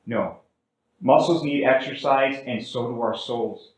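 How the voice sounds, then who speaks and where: A man preaches a sermon from the pulpit, his voice sitting in a middle register. He climbs and falls in pitch and loudness and stretches words out slowly to drive a point home. The church room around him is very echoey. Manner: preaching with wide swings in pitch and loudness, slowing for emphasis. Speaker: pastor. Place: church sanctuary.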